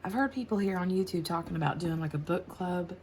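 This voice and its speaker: Working on a craft project while answering tag questions, a forties-aged American woman who runs a craft channel talks quickly in a fairly low, slightly mellow voice. She is chatty and rambling and laughs easily. A little hiss or hum sits in the recording.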